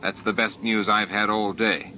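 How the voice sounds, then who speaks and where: A man's voice: lowish voice, level tone, normal speed, soft background music, lightly acted. A man voicing a composed, decisive starship captain in an audiobook. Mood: sincere relief. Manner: sincere, decisive. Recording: dull lo-fi audiobook tape.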